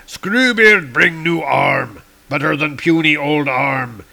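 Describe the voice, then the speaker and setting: A man voicing a small, gruff male dwarf smith from a comic, slow and loud, who talks in broken grammar about himself. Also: fairly high pitch, full character voice. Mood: proud gruff. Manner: broken grammar, speaks of himself in third person.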